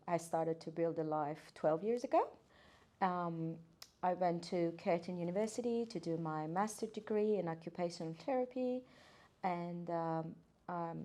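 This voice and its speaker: A woman from Iran, an occupational therapist, is a guest on a casual podcast interview, talking earnestly with hesitant fillers and restarts. Her voice is on the low side with a dark tone.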